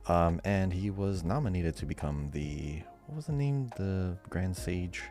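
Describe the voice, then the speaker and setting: A man with a low, dark voice speaks at a measured pace and with plenty of expression. He co-hosts a podcast and runs a quiz, chatting casually while faint music plays behind him.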